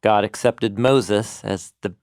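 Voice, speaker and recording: Male co-host, lowish voice, eager teacher explaining scripture, dry close recording. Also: slow, no echo. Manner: animated explainer, quotes scripture in storytelling voice. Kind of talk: conversational teaching.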